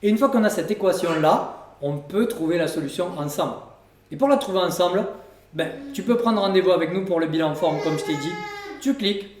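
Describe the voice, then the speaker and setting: A man's voice: high voice, darkish tone, a little hiss or hum. A man, a fitness coach, giving casual, direct diet advice at home and talking straight to the viewer. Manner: direct, informal, addresses viewer with "tu". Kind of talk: casual coaching talk to camera. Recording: roomy echo, from a distance.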